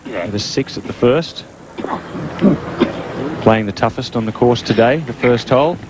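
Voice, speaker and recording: A man's voice: mid-range voice, a little slow, heavy background noise. A man doing televised golf commentary, calling each shot as it is played.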